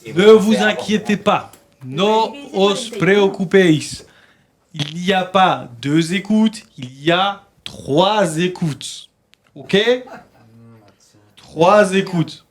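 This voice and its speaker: A man teaching a beginner French class, repeating key points and explaining in Spanish to his students in a classroom. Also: high voice.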